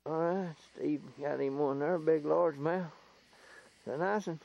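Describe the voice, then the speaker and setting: A man's voice: on the high side, fairly even intonation, unhurried, gravelly, highs cut off. A man with a Southern US accent chatting casually as a fishing partner, outdoors in a boat on a lake. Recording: noisy outdoor camera recording on a lake.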